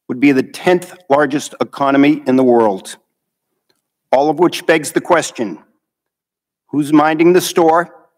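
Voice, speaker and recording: A man reading a formal prepared statement at a hearing, carefully going through figures. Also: a little high. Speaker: witness. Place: hearing room. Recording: hall reverb.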